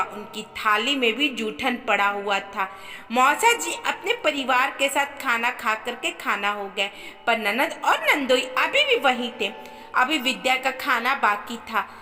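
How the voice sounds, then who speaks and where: In a high, very animated voice with a bright edge, a woman tells a family story. Her narration is scripted, emphatic and expressive, and a long reverb trails her words.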